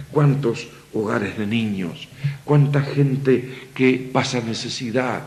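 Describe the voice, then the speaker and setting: An older man with a Rioplatense Spanish accent, preaching a sermon in a conversational style with rhetorical questions to the congregation. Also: medium pitch. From Argentina.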